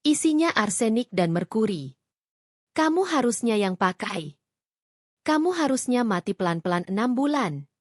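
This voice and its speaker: Brief: menacing husband in a storybook read-aloud, acted by a woman, shouting, animated delivery. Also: fairly high pitch, normal speed, long pauses, no echo, studio quality. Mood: furious. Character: husband caught out, angry scheming man.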